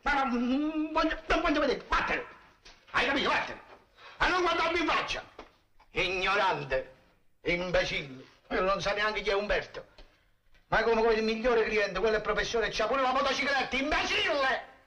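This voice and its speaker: A man's voice: sits high, normal speed, noisy background, close to an everyday voice. An actor playing a fussy barber who scolds and fusses over his customers in an old comedy film. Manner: excitable, scolding. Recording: dull old film soundtrack.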